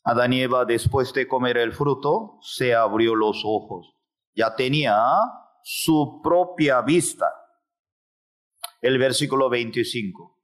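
A man's voice: medium pitch, takes it slowly, long pauses. A man preaching a sermon with drama, acting out the voices he quotes.

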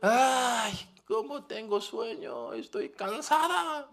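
A man's voice: very high-pitched, very animated, slow pace, fairly bright tone, voice pushed up, exaggerated voice. A man preacher voicing a tired, grumbling young mother who complains about her crying child. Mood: exasperated. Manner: whiny, exasperated.

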